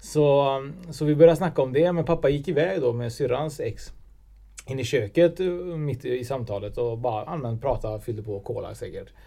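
A man's voice: mid-range voice, vocal fry, warm tone. A man talking casually as a podcast host, telling an anecdote in a loose, chatty way full of fillers. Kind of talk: casual chat.

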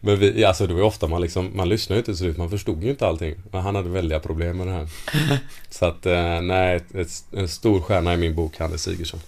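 A man in his thirties, a football player guest telling lively anecdotes in a casual interview and laughing often. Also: sits low.

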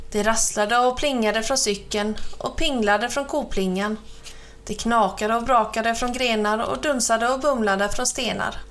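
Casting: woman reading a children's storybook aloud, lively and expressive, slightly high voice. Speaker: reader.

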